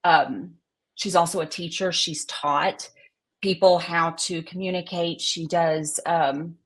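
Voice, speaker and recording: Middle aged lady, kinda low voice, folksy and honest, stop-and-start, talking about her life in an interview. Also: fairly even intonation. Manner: folksy, candid, halting and self-deprecating. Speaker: interview guest, psychic medium and minister. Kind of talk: personal storytelling in an interview.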